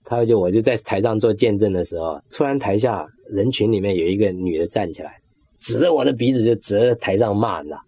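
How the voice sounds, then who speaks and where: A man's voice: lowish voice, lively intonation, fast, dark tone, breathy edge. A middle-aged man giving an emotional personal faith testimony, acting out his own prayers and dropping in English words. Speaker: testimony speaker.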